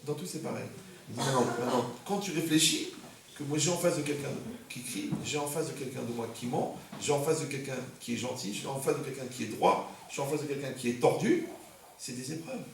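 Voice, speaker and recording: This male rabbi, preaching a funny sermon in a community center hall, keeps quipping and asking his listeners rhetorical questions. His medium-pitched voice runs a little fast and has some vocal fry. Captured from afar, the audio is echoey with faint noise.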